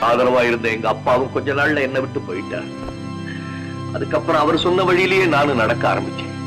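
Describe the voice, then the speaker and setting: A man's voice: mid-range voice, a little fast, over music, close to an everyday voice, low-quality recording. An actor playing a grieving man who pleads and vows to stop drinking, in declamatory old film melodrama style. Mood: pleading. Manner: emotional, declamatory. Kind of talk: 1960s Tamil film melodrama.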